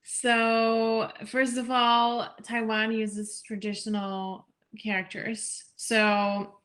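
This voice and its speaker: A woman's voice: a little high, extremely slow. Chatty young woman, lots of "like". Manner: chatty, animated, heavy use of "like", acts out quoted voices. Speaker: interview guest, scholarship recipient. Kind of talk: casual conversational interview.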